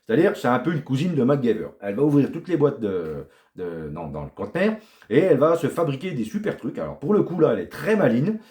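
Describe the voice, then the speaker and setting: A man talks through a film review in a loose, rambling way, his pitch leaping up and sinking low as he piles on repeated words. The sound is roomy, with a clear echo around his voice. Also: sing-song, fast talker, darkish tone. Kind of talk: casual spoken film review.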